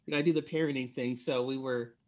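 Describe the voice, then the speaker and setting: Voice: mid-range voice, fairly even intonation, a little mellow, lo-fi sound. A podcast host chatting casually and offering encouragement to a guest. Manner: encouraging, conversational, quick affirmations. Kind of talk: casual interview chat.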